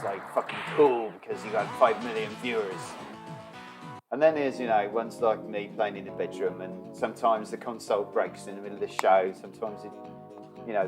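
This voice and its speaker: This man's lowish voice comes through a rough recording as he streams a game from his bedroom. Game music plays beneath his casual chatter, heavy swearing and grumbling at the game.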